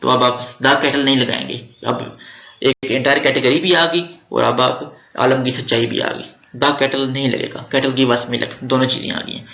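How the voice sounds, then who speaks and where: A man's voice: medium pitch, fairly even intonation, moderate pace, vocal fry, pushed and bright. A man with a Pakistani Urdu accent touched with Punjabi, giving a chatty step-by-step exam-prep grammar lecture with joking asides. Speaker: teacher. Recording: roomy, dull lo-fi recording.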